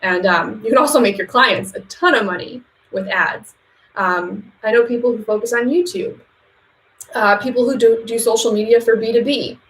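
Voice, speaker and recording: A woman talks business advice to camera in a casual, direct way, with repeated words for emphasis. Her voice sits a little high, and the room around her echoes noticeably. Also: normal speed, fairly bright tone, a little hiss or hum. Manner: chatty and direct, with fillers and emphatic repetitions. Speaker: social media agency owner giving business advice.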